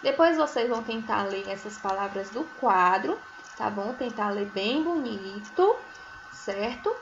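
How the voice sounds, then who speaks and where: A woman teaching a recorded first-grade phonics lesson, sounding out syllables slowly and often checking in with tags. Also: mid-range voice, animated, highs cut off, noisy background. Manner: slow, drawn-out syllables, sounding words out; frequent checking tags like "né?" and "certo?". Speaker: primary school teacher.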